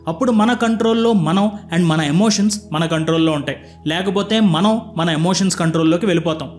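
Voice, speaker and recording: Guy narrating stories, calm explainer tone, higher voice, faint music. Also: brisk. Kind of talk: scripted storytelling narration.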